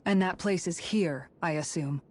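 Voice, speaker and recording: A reserved, logical young female adventurer, speaks in a fairly low register. She is matter-of-fact, in anime game dialogue style. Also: normal speed, a little mellow, breathy edge. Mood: sober.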